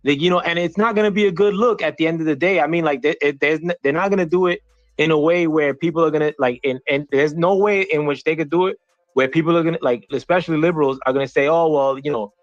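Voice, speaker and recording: A man's voice: fairly high pitch, no room sound, highs cut off. Man arguing with many fillers. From United States. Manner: halting, many fillers and restarts. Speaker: panel caller. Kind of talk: heated political debate.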